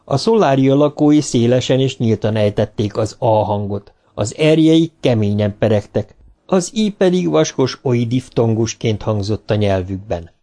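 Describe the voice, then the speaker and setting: A man with a mid-pitched voice narrates a novel for an audiobook. His reading is even and measured. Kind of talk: scripted narration.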